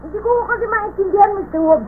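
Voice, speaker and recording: A woman's voice: extremely high pitch, fast, slight background noise. A woman dubbing a polite, curious young boy who asks earnest questions in a cartoon. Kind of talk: Tagalog cartoon dub. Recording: tinny lo-fi dub over loud music.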